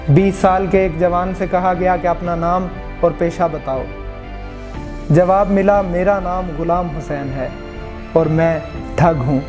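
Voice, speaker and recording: A man narrating a historical story in measured, formal literary Urdu. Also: high-pitched. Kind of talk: scripted narration of a true crime history.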